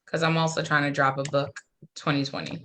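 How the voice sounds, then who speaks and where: A woman hosts a podcast interview in a low register, and her voice has a bright, forceful edge. She asks questions casually and chimes in with quick affirmations and teasing asides. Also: level tone, a little hiss or hum. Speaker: podcast host.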